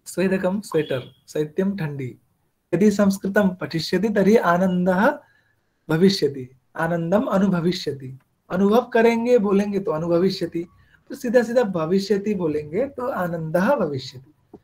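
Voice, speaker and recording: A man with a high voice teaches an online language lesson. He reads example sentences slowly, explains each point in Hindi, and asks the class questions that he then answers himself. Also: expressive, darkish tone, husky. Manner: explains in Hindi between slow spoken Sanskrit examples. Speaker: Sanskrit teacher.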